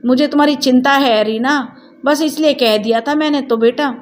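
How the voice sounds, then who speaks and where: A woman voicing a gentle older mother-in-law in a storybook tale, speaking softly and apologetically. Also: high-pitched, normal speed, voice pushed up, close to an everyday voice. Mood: hurt. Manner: soft, pleading, apologetic.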